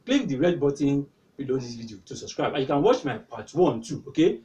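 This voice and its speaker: Very animated and brisk, a man with a warm, medium-pitched voice gives a whiteboard maths tutorial step by step. He constantly prompts the class with "what now?", heard through a distant mic in a low-quality recording.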